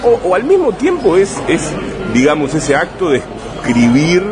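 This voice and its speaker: An Argentine writer from Rosario, speaking with the local accent, is interviewed in a relaxed conversation at a busy bar, pausing and restarting thoughtfully and using tag questions. His voice is a little high with huge pitch swings, heard over music, crowd chatter and passing street traffic in a noisy recording.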